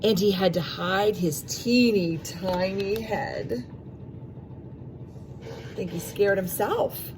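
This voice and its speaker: Her mid-range voice moves slowly with frequent pauses as she reads a storybook to young children. She's animated and expressive, lengthening sound words and adding asides for the listeners, over background noise.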